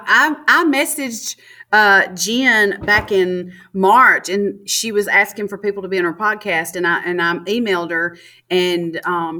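A woman's voice: mid-range voice, sharp tone. A woman with a Southern accent from Mississippi, chatting casually as a guest in a folksy, emphatic way. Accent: Mississippi, American South. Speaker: podcast guest. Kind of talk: casual chat.

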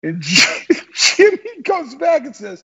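A man co-hosting casual sports chat on the radio, halting and repeating himself. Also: extremely high pitch, wildly swooping pitch, pushed and bright, husky, dull audio. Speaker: radio show producer and co-host.

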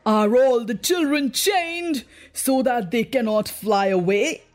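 A woman's voice: fairly high pitch, slow, darkish tone, soft background music. A woman voicing a menacing, pompous male pirate captain with a commanding, theatrical, old-fashioned manner in a storybook.

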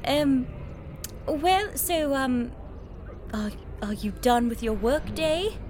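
A woman's voice: high-pitched, expressive, slow, darkish tone, a little hiss or hum. A woman voicing a posh, flustered gnome lady with affected airs and a hesitant manner.

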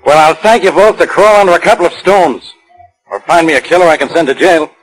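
Actor as a gruff American police inspector, highish pitch. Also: male voice, brisk, soft background music, lightly acted, low-quality recording. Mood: gruff, dismissive. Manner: gruff, blunt. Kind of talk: 1940s radio acting.

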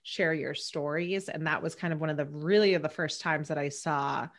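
A woman's voice: deep voice, normal speed. A woman hosting an interview podcast, chatty and enthusiastic, casually swearing as she praises her guest. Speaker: podcast host.

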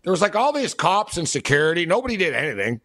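A man co-hosting a sports betting podcast, his slightly high voice loose and full of laughter. He rambles through stories in a chatty way. The dry, close mic leaves almost no room sound. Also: sing-song, fast talker, pushed and bright, no room sound. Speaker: podcast co-host. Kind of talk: casual sports betting chat.

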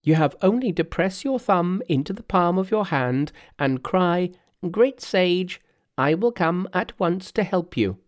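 Bold monkey hero played by a male reader, storybook style. Raised, swooping pitch, commanding and reassuring. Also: expressive, a little slow, few pauses. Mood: confident, reassuring. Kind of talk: storybook character voice.

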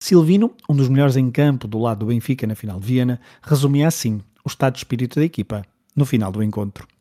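Quick-paced, mellow male sports narrator. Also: mid-range voice. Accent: European Portuguese. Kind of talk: scripted documentary narration.

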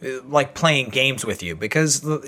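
A man's voice: medium pitch, lively intonation, normal speed, bright, forceful tone. A man hosting a recovery podcast in loose, casual talk, joking and swearing freely. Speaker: podcast host.

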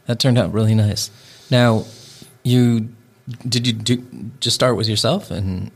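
Low-voiced podcast host, chatty. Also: male voice, steady tone, a little slow, slightly rough. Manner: chatty, friendly, asks leading questions. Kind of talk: casual conversational interview.

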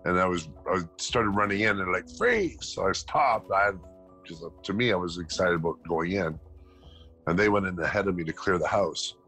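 Deep-voiced middle-aged man telling a story. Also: a little fast, faint music behind, rough recording. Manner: animated, acts out quoted dialogue. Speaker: interviewee recounting family event. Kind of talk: emotional interview storytelling.

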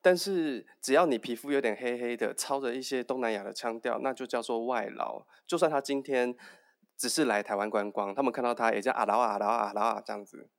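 A man's voice: medium pitch, fairly quick. A man with a Taiwanese Mandarin accent, explaining his views informally in a casual group discussion.

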